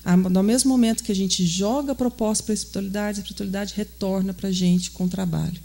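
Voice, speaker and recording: A woman's voice: medium pitch, fairly even intonation, quick pace, creaky, dark tone. A woman from Brazil with a Minas Gerais accent, giving an earnest, conversational spiritist lecture that often puts questions to the audience. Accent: Brazilian Portuguese, Minas Gerais. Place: spiritist center hall.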